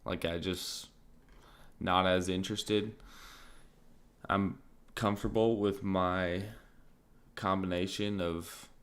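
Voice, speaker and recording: A crypto trading streamer gives casual market commentary on a live stream, speaking slowly in a low, slightly raspy voice. He sounds relaxed, thinks aloud with plenty of fillers like "like" and "um," and clears his throat.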